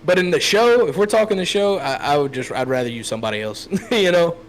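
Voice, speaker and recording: Male podcast guest, a bit high-pitched, loose and jokey in his talk. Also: animated, fast, poor audio. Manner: loose, joking, rambling. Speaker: guest streamer. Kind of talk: casual podcast chat.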